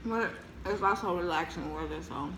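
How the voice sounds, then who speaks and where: A woman's voice: lowish voice, normal speed. An American woman chatting casually between crunching bites on an eating show, repeating phrases for emphasis. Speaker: mukbang vlogger. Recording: roomy echo, faint background noise.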